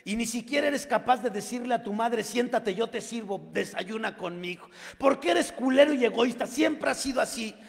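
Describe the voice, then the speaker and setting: Man putting on an enraged Mexican mom, foul-mouthed rant, high gravelly voice, echoey hall. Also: normal speed, hardly any pauses. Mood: furious scolding. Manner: crude swearing tirade, rising to shouts. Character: furious middle-aged mother cursing at her grown son.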